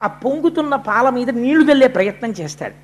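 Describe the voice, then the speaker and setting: A man's voice: very high voice, animated, brisk. Male devotional storyteller, dramatic delivery. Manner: dramatic storyteller, acts out characters' speech. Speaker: religious discourse speaker.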